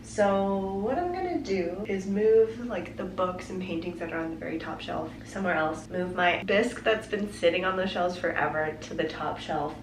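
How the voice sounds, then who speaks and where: A woman's voice: lowish voice, moderate pace, hardly any pauses, reverberant, background noise. A woman vlogging from her pottery studio, casually thinking aloud with lots of fillers. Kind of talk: casual vlog narration.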